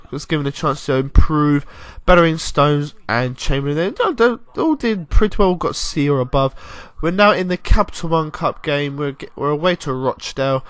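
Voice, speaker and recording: Young guy commentating his football game, chatty and excitable, a touch high-pitched, dry sound. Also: clean tone, no echo. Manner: chatty, rambling, excitable bursts, mild swearing. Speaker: gaming YouTuber.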